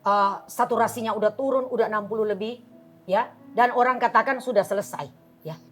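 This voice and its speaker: A woman pastor in her fifties speaks with an Indonesian accent, her fervent, emphatic testimony rising into preaching as she turns to the viewers. Her voice sits a little high. Soft music plays faintly beneath her in the TV studio. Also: fairly quick. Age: 50s. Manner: fervent, emphatic preaching, addresses listeners as saudara. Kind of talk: sermon-like testimony on TV talk show.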